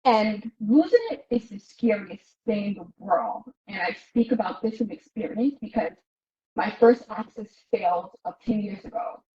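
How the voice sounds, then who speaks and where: A woman's voice: medium pitch, moderate pace. A woman patient giving earnest advice in a webinar, her voice coming through a choppy, breaking-up online call. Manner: earnest, advising. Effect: choppy, breaking-up online call audio. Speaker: patient speaker. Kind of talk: webinar presentation. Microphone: remote call microphone, too far off. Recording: dull, lo-fi call audio that breaks up.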